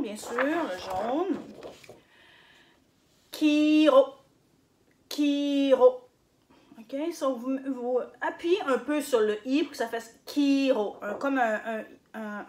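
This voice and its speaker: A woman giving a casual spoken lesson, hesitant with many fillers and repeating words slowly for her viewers. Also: a little high, a little mellow, slight background noise. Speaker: language teacher on her own channel.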